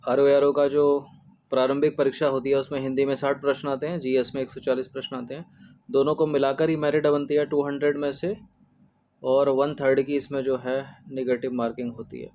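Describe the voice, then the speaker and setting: A man's voice: medium pitch, level tone, fairly quick, darkish tone, dull audio. A man teaching an exam-prep lesson, going through test answers and repeating spellings, often adding a filler of agreement. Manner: repetitive, drills spellings with "ठीक है" fillers.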